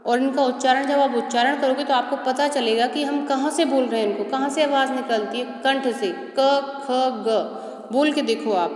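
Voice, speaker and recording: A woman's voice: sits high, fairly even intonation, a little mellow, echoey room, long reverb tail. A woman teaching a grammar lesson to children, drawing out sounds and asking her pupils questions. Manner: slow, drawn-out syllables, asks pupils questions.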